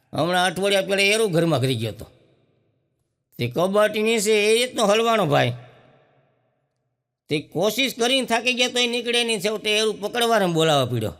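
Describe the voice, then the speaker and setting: A man's voice: sits high, expressive, moderate pace, long pauses, a bit bright, long reverb tail. A man tells folksy comic stories on stage. He acts out each character as he quotes their lines, and keeps the tale moving. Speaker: stand-up comedian. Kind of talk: comic storytelling.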